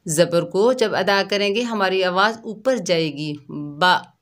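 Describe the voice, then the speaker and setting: A woman teaching children to read Quranic letters. She speaks very slowly and carefully, spelling out each letter before she sounds it. Her voice sits fairly low. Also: fairly bright tone. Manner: drawn-out syllable drills, spelling each letter then sounding it; patient, addresses listeners as dear children. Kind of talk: slow, careful recitation lesson for children.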